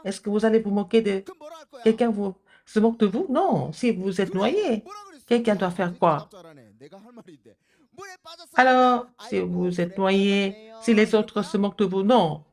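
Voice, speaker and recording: A woman giving a children's sermon, asking the kids questions and answering them, with sudden high exclamations. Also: measured pace, long pauses. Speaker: kindergarten preacher.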